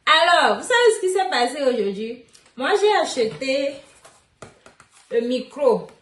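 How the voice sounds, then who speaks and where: A woman's voice: sits high, sing-song, unhurried, a bit bright. A woman explaining immigration news in a casual vlog, chatty and repeating key points, with a slightly crackly voice. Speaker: immigration vlogger. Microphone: phone mic. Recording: echoey room, far from phone mic.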